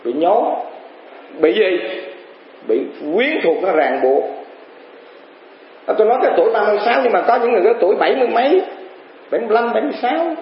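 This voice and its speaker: A man's voice: high-pitched, very animated, quick pace, gravelly, long pauses, slight background noise. A man giving a Dharma talk to an assembly as a monk teacher, telling folksy stories and acting out the people in them. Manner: folksy storytelling, acts out quoted voices, chuckles. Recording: muffled echoey room with faint ambience.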